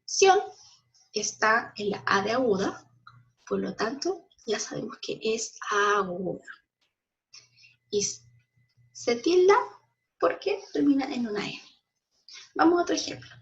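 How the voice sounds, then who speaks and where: A woman teacher with a Chilean Spanish accent explaining a school lesson to children, slowly stressing syllables and often checking in with them. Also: on the high side, lively intonation, far from the mic. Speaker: primary school language teacher. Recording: muffled sound, voice a bit off-mic.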